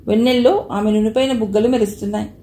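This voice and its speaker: A woman reading a novel aloud, narrating in a smooth, steady storytelling voice. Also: fairly high pitch, fast. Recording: echoey room.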